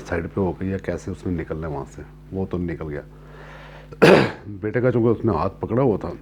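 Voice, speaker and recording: Sitting low in pitch with a darkish tone, this speaker takes his time narrating a motivational tale, restating phrases as he goes and clearing his throat at times. Slight background noise is present.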